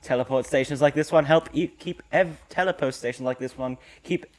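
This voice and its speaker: A man's voice: on the high side, a little fast, darkish tone, natural voice. A man voicing a friendly male station chief in a video game, reading his welcoming lines aloud on a livestream and stumbling now and then.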